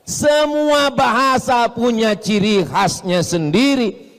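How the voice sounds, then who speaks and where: A man's voice: extremely high pitch, takes it slowly, a bit bright, big-room sound. A man preaching to a crowd in a joking, teasing way, with a flair for mimicking voices. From Indonesia. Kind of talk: humorous sermon to a large audience.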